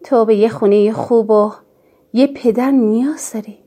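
A weary, gentle mother, as a woman narrator reads her, speaking quietly with a mellow tone. The voice stays fairly high but soft, like a storybook parent talking to her child. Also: slightly rough.

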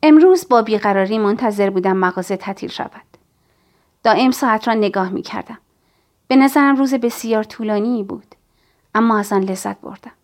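A woman narrating a novel in the first person, telling the story at a measured, steady pace. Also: mid-range voice. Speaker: audiobook narrator.

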